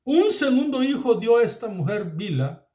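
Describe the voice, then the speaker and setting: Man, Bible teacher, earnest sermon, high voice, echoey room. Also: very animated, moderate pace, mellow. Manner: earnest, addresses listeners as beloved.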